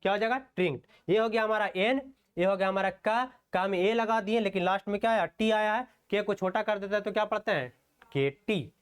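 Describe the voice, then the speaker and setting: A man's voice: sits high, smooth. Step-by-step male shorthand teacher. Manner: repetitive, rhetorical questions, frequent "okay" check-ins; slow, step-by-step explanation while writing strokes. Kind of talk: online stenography class.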